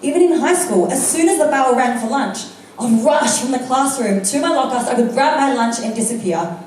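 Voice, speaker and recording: A high-pitched, slightly mellow woman's voice tells punchy jokes with deliberate pauses in a humorous stage talk at a live venue. She is an Australian speaking coach whose first language is Vietnamese. Recorded on a distant mic in an echoey room, with a little hiss or hum.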